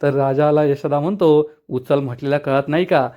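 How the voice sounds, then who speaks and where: A man's voice: fairly high pitch, moderate pace, dull audio. A man narrating a recap of a TV serial episode and briefly voicing each character's lines. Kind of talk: retelling a TV episode, acting out the lines.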